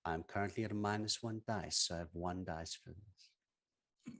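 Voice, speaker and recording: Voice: low-pitched, steady tone, normal speed, a bit bright. A player in a tabletop game, methodically asking about and explaining the rules. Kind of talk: casual tabletop play.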